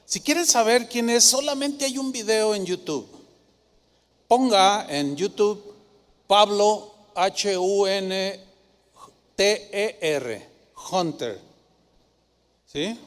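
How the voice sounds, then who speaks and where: A man with a Mexican Spanish accent preaching a sermon as pastor, animated and acting out the voices of doubters and Bible figures. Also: high voice, slow, pauses often, in a large hall.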